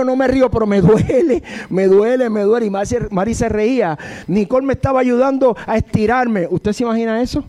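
A man's voice: very high voice, a little mellow. A man in his late fifties preaching a chatty, humorous sermon, often asking the congregation questions. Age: late 50s. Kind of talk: conversational sermon.

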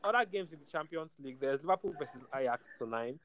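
A man's voice: a little high, lively intonation, fast, fairly bright tone, a little hiss or hum. A man giving his views in a casual sports chat as one of a panel. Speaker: football podcast panelist.

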